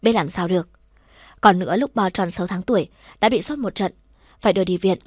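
A woman reading a first-person audiobook story in a soft, subdued way. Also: lowish voice, brisk, no room sound, clean studio sound. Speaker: audiobook narrator.

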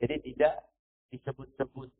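A man's voice: mid-range voice, level tone, normal speed. A male preacher giving a sermon, stressing points with a repeated "ya" and quoting Arabic verses. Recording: tinny phone-like recording.

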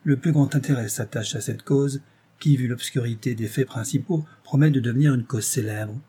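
In a mid-range voice edged with breathiness, a male narrator delivers an audiobook of a novel. His storytelling stays measured and even throughout.

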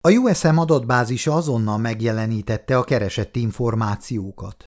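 A male audiobook reader, his medium-pitched voice a little mellow and close to everyday speech, plays a curious, earnest young woman official. She asks her questions directly, with polite insistence.

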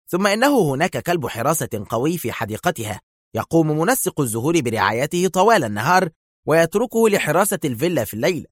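A man's voice: a little high, fairly bright tone, no room sound, studio quality, pitched above the performer's own voice. A man doing a jittery, nervous police chief. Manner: nervous, agitated.

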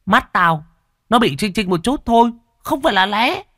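A man's voice: sits high, expressive, normal speed, a bit bright, no echo, studio quality, voice pushed up. A man voicing a sly, boastful twelve-year-old village boy who chatters in a conspiratorial, defensive way in a spoken ghost story. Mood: excited.

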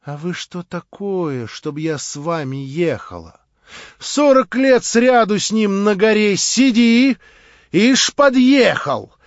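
A man's voice: big pitch swings, slow, dry recording, heavily acted. A man voicing a half-mad lame woman who mocks and shrieks, in a dull, dry recording. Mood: shrieking. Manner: shrill, scornful, laughing outbursts.

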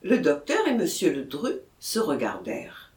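A reader narrating a classic novel in a slow, expressive storytelling manner. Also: mid-range voice. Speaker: audiobook reader. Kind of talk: literary audiobook narration. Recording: roomy echo.

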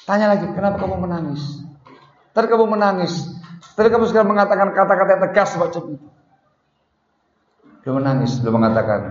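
Man preaching in an echoey hall. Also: a little high. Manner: storytelling with Arabic phrases, repeats words for emphasis. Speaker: Islamic preacher. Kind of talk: religious lecture. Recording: muffled echoey hall recording.

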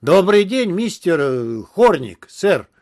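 A man's voice: a little high, big pitch swings, normal speed. A man voicing a stooped, nervous young male henchman who mumbles deferentially.

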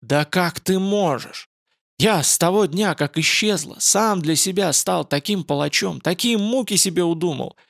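A man's voice: on the high side, expressive, normal speed, few pauses, a bit bright, no echo, clean studio sound. A man reading aloud and voicing a desperate, tormented dragon rider who cries out in anguish. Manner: anguished outcries.

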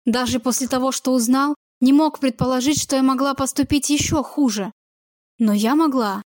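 A woman's voice: high-pitched, steady tone, moderate pace, a little mellow, no room sound. A woman reading a first-person novel as an audiobook, emotional and intimate, on a close mic. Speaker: audiobook narrator.

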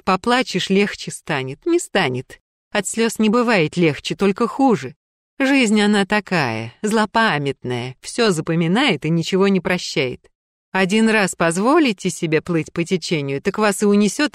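A woman's voice: mid-range voice, no room sound, clean studio sound, lightly acted. A woman narrating an audiobook, voicing a stern, commanding old woman who runs a museum. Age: older. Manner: commanding, lecturing, firm.

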